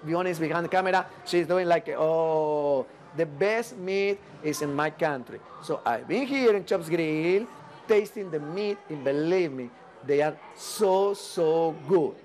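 Upbeat high-voiced Argentine man, cruise director style. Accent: Argentine Spanish. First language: Spanish. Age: middle-aged. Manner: upbeat, animated cruise director delivery with emphatic repetition. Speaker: cruise ship activities manager and TV host. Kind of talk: unscripted promotional presenting to camera. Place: indoors at a ship restaurant entrance. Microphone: lapel.

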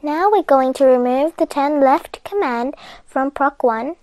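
A woman's voice: high voice, measured pace, darkish tone, no room sound. A woman walking viewers through a coding puzzle game step by step, chatty and patient, laughing off her own mistakes. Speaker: coding tutorial host. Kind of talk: step-by-step game walkthrough narration.

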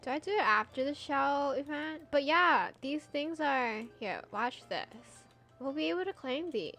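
A young woman streams a game and chats casually with her viewers, reading their messages, laughing often and trailing off into filler words. Her high voice is animated, unhurried, pushed and bright, with soft music in the background.

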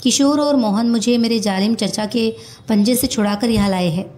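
A woman reading a storybook who voices a naive, lovesick young woman with an excitable, pleading manner. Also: fairly high pitch, normal speed, lightly acted. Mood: emotional.

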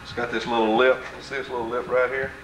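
This man talks fast in a level tone at medium pitch, with background noise behind him. As a family member shooting home movies, he chats casually and explains step by step, his voice caught on the camcorder's built-in microphone.

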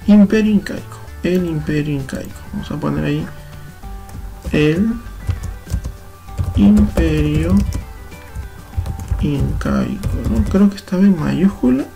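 Patient Peruvian teacher, gravelly voice. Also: male voice, on the high side, brisk, hardly any pauses, dark tone, soft background music. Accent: Peruvian Spanish. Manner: patient, step-by-step, self-correcting. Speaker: computer teacher. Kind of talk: screen-recorded software tutorial.

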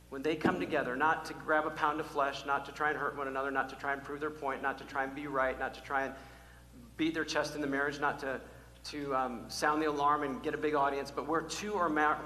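Bright-voiced preacher in an echoey church. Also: male voice, mid-range voice. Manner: emphatic, repeats key words, varies from loud calls to near-whisper. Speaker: pastor. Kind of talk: sermon. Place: church sanctuary. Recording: echoey hall, faint hum.

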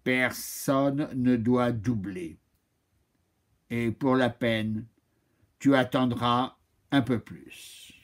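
A man voicing a calm, stern old oak tree that answers slowly and without fuss. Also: mid-range voice, voice pushed down. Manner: slow, unruffled.

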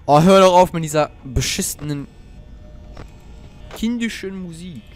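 A man's voice: sits high, lively intonation, unhurried, soft background music. Jumpy teenage boy gaming, swearing. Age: teens. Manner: jumpy, swears a lot, talks to viewers. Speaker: let's player. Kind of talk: horror game commentary.

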